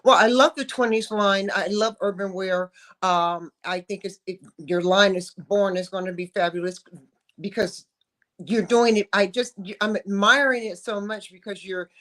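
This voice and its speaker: A woman's voice: medium pitch, fairly even intonation, moderate pace, fairly bright tone. A woman about to turn sixty, hosting an interview and gushing with effusive praise for her guest. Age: 50s. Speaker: interviewer host. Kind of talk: casual interview.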